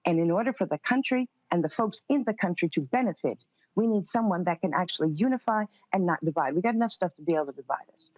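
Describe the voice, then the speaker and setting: In this dry, slightly dull lo-fi recording with no echo, a woman appears as a political interview guest, a conservative commentator. Her fairly low voice moves fast with lively intonation and a slightly mellow quality. She answers in a firm, assertive, guarded way.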